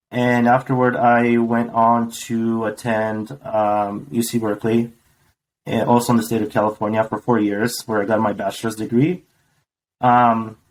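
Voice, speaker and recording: A man's voice: medium pitch, poor audio. Thoughtful Romanian-born man guest. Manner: thoughtful, unhurried, many ums. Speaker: podcast guest. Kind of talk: casual interview.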